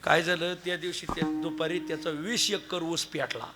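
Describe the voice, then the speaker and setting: A man preaching a devotional kirtan sermon, telling stories with lively swings between loud exclamations and hushed asides. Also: a little high, normal speed, loud music behind the voice.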